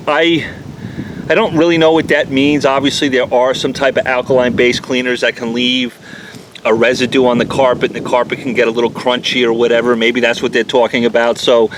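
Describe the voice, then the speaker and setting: A man with a New York accent reviewing a cleaning product in a casual, candid, quick-talking way, recorded outdoors on a windy day with a camera mic. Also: mid-range voice, a bit bright. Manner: talks fast, chatty and candid. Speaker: auto detailer reviewing products. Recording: faint wind and outdoor noise. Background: outdoor ambience and breeze.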